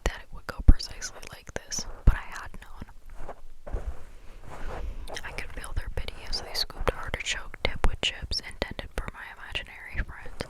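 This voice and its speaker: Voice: moderate pace, poor audio. An ASMR reader who whispers throughout, with hands cupped at the microphone. The delivery is entirely breath with no full voice, reading a book aloud very close to the listener's ear. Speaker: ASMR host. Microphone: up close to a hand-gripped microphone with foam cover.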